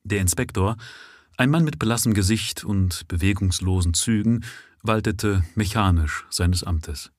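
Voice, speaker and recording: Man, live sight-reading of a novel, low voice, dry sound. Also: unhurried, no room sound. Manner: steady storytelling. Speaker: reader.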